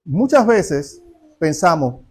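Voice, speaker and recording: A man's voice: fairly high pitch, sing-song, slow, darkish tone, breathy edge. A man preaching a sermon, asking rhetorical questions and acting out little dialogues.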